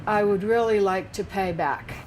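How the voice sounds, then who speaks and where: A woman's voice: medium pitch, moderate pace, a little mellow, a little hiss or hum, rough recording. An older woman speaking in an interview, reflective and reminiscing. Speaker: interviewee, animal activist and former singer.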